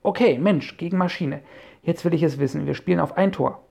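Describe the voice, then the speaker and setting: An eager, sporty teenage boy throws out a challenge in a raised, lively voice, as a man reads him in an audiobook. A gravelly grain still runs under the keen, cocky delivery. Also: fairly high pitch, a little fast, pitched above the performer's own voice. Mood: challenging. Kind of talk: audiobook character voice.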